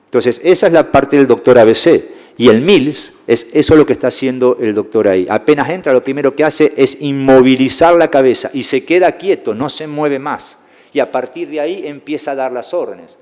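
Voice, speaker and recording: A man's voice: mid-range voice, moderate pace, darkish tone. A man with a Rioplatense Spanish accent giving a classroom lecture on sports medicine to young referees, explaining step by step and often checking in with his audience. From Argentina. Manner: explanatory, keeps checking in with "¿eh?" and "fíjense". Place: lecture hall. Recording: long hall reverb.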